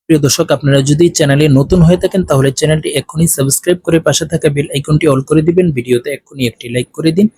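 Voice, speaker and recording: A man's voice: on the high side, warm tone, slightly rough, no room sound. A man teaching Quran recitation, spelling out letters and vowel marks one by one in a patient, instructive way. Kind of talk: spoken tutorial lesson.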